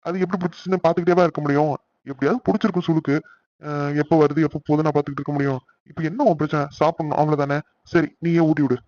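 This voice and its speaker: A man voicing a young husband in an animated series, talking brusquely and dismissively and fumbling for excuses. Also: a little high, rapid-fire, no room sound, dull audio, natural voice. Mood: evasive. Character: young husband, gruff and evasive.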